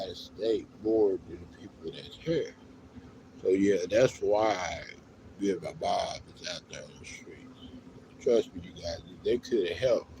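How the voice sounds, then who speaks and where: An American man talking casually to viewers in a halting, repetitive, rambling plea, outdoors on a street. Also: low voice. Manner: halting, repetitive, with frequent 'you know'. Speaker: livestreamer appealing to viewers for help. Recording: noisy outdoor street, uneven level.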